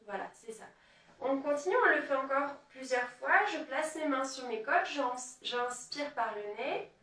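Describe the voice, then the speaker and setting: A woman with a high voice leads a yoga class in an unhurried, calm way. She guides the breathing and counts the moves aloud, and her voice sounds distant in an echoey room. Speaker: yoga teacher. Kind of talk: live yoga class instruction. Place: room, indoors.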